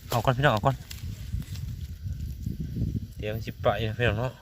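A medium-pitched man speaks at normal speed with fairly even intonation, his northeastern Thai Isan accent coloring his casual vlog talk. Hunting frogs outdoors at night in the countryside, he repeatedly addresses viewers as he displays his catch, while insects and crickets sound clearly around him.

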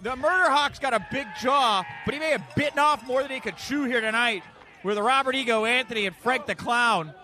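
A man's voice: very high-pitched, fairly quick, pushed and bright. A man doing biased play-by-play commentary at an outdoor wrestling show, openly cheering one side.

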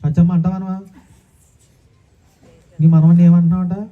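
Male pastor preaching, fairly high voice, tinny phone-like audio, lots of hallelujahs. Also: level tone, normal speed. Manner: preaching with repeated hallelujahs and rhetorical questions. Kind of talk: sermon.

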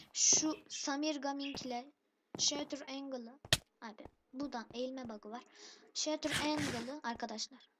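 Irritated high-voiced woman gamer, noisy recording. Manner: irritated, complaining, calls rivals noobs. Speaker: gaming channel host. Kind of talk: let's play commentary. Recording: noisy background hiss.

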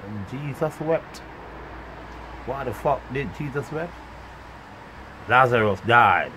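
A man delivers a rambling, profane monologue, bursting loud one moment and muttering under his breath the next. His voice sits at an ordinary middle pitch. Faint background noise hums under the recording. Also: expressive, takes it slowly, rough recording. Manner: rambling, swinging between loud outbursts and muttered asides. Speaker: vlogger.

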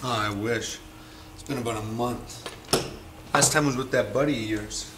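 A man's voice: mid-range voice, normal speed, noisy background, lightly acted. A man playing a laid-back sidekick. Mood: casual. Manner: easygoing, reactive. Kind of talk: indie film dialogue.

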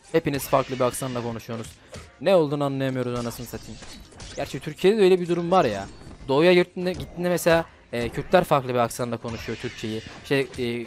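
A young man giving slangy, chatty commentary while playing a mobile fighting game, with excitable bursts. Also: mid-range voice. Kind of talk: casual gameplay commentary.

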